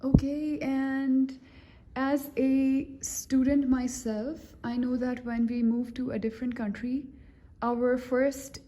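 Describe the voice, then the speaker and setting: A woman student interviewing a guest, asking questions gently and encouraging him with frequent mm-hmms. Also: high-pitched, level tone, slow, slight background noise.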